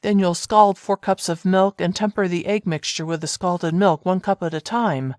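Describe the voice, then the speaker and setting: A reader putting on a cheerful young woman, friendly, instructive, lifted pitch, dry sound. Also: moderate pace, darkish tone, no echo, lightly acted.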